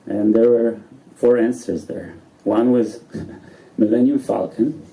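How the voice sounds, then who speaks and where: A man's voice: lowish voice, fairly even intonation, slow pace, vocal fry, warm tone, low-quality recording. A man in his thirties from Poland with a Polish accent, doing chatty, self-deprecating open mic stand-up. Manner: chatty, self-deprecating, often laughing mid-sentence. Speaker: stand-up comedian. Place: small club stage in front of an audience.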